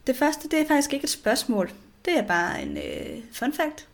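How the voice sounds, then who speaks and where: A woman co-hosting a podcast in casual chat, friendly and relaxed, reading out listener messages. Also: high-pitched, gravelly, music in the background.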